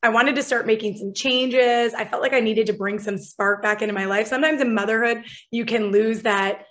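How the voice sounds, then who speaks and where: A chatty woman in her thirties, talking as a guest in a casual interview. Her voice sits a little high, and she keeps things light and bubbly, often laughing between thoughts. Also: fairly even intonation, a little fast, a bit bright. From Canada (Ontario).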